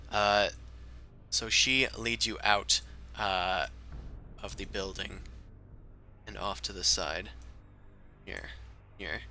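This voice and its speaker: A man runs a tabletop game as game master. He narrates off the cuff in a slow, halting, casual way, with a lowish voice that has a very sharp edge. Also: a little hiss or hum.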